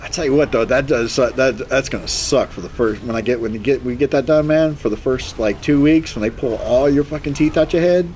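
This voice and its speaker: Man, forties, mid-pitched voice, casual game-stream chatter, rambling storyteller, informal wording, noisy background. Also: fairly quick, hardly any pauses. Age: 40s. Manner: rambling, animated retelling with quoted dialogue and swearing. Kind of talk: casual chat while playing a video game.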